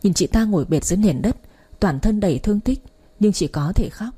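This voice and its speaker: A woman narrating a family drama story in a steady, dramatic reading. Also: mid-range voice, brisk, slightly rough. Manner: steady dramatic reading, voices quoted lines.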